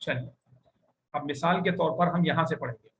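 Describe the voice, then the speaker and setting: A man with a Pakistani Urdu accent teaches a language class in a fairly high voice. He stretches out example words slowly and clearly so his students can echo them, over a faint background hiss. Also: fairly bright tone. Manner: slow, drawn-out modeling of words for students to repeat. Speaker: Arabic teacher.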